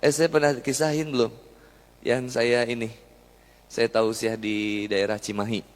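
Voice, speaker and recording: A man's voice: medium pitch, level tone, a little slow. A young man, giving a chatty, jokey sermon and asking the crowd questions. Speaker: preacher. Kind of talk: lively sermon to a live audience. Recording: long hall reverb.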